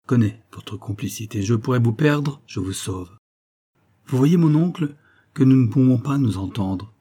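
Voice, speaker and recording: A wounded colonel pleading his case with earnest warmth from a sickbed, as a man reads him in a storybook. The voice is dark and husky, low in brightness and clarity. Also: animated, normal speed.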